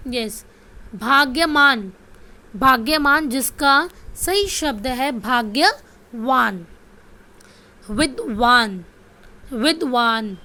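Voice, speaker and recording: Woman teacher, high clear voice, slow and patient, repeats words for pupils. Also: pushed and bright. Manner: repeats each word, asks if students can see. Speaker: Hindi grammar teacher. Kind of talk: slow classroom spelling lesson.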